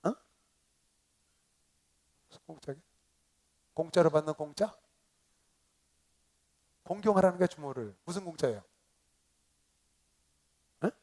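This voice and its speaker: High-voiced preaching pastor. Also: male voice, expressive, slow pace, pauses often. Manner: emphatic, swings between loud exclamations and quiet asides; call-and-response with the congregation. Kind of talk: sermon. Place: convention hall seminar.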